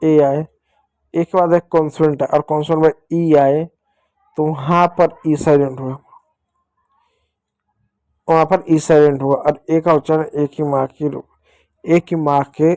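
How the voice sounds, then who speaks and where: Young male phonics tutor, slightly raised pitch, dry close-miked sound, patient and repetitive. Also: flat delivery, a little slow, long pauses, mellow, dry recording. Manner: asks questions and answers them himself, repeats key points. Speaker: English teacher for children. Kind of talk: classroom-style phonics lesson.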